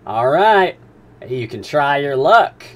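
A stern sea captain with a raised, forceful voice, formal and commanding, as a man voices him in a story reading. He is aloof and speaks as one used to being obeyed. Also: on the high side, big pitch swings, slow, voice pushed up.

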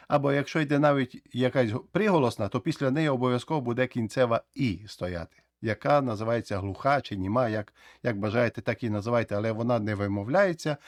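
Lively man teaching pronunciation, dry sound. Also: medium pitch, no echo. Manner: lively, drills words slowly again and again. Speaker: English teacher. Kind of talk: explaining pronunciation rules.

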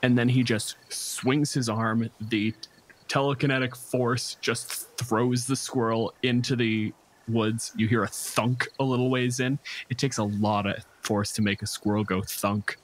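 A man with a mid-range voice and steady tone narrates a tabletop RPG as its game master, speaking at a measured pace in a conversational way with wry, humorous comments. The recording is clean, set against the chirping of crickets and insects in a forest at night.

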